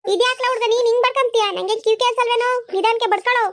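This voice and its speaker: A woman voicing a tired, sharp-tongued village housewife in a cartoon, complaining. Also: extremely high pitch, fairly even intonation, racing. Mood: snappy. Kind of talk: cartoon voice acting.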